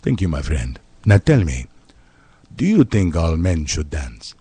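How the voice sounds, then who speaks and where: A man's voice: low-pitched, very animated, mellow, husky, exaggerated voice. A man playing a suave, pompous Latin male talk show host with a put-on Spanish accent in a comedy radio sketch. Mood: smooth. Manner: pompous, slow and self-assured.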